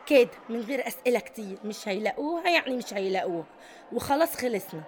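A woman's voice: a little high, lively intonation, fast talker, a little hiss or hum, natural voice. An actress with an Egyptian accent playing a tough, domineering middle-aged female prison boss who scolds and commands. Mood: bossy.

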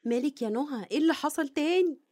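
A woman's voice: sits high, lively intonation, very fast, a little mellow. A woman with an Egyptian accent playing a playful, teasing young sister. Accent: Egyptian Arabic. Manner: teasing, affectionate.

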